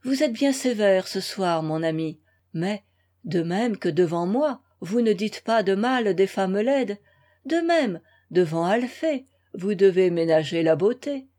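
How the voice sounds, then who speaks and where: A woman reading aloud as a fond young wife in a storybook, coaxing her husband in an unhurried, earnest voice. The tone stays gentle and loving. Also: mid-range voice, lively intonation. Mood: teasing.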